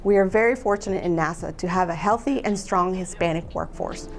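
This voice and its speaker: A woman from Colombia, an aerospace engineer, giving a measured, earnest scripted statement. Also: fairly low pitch, faint music behind.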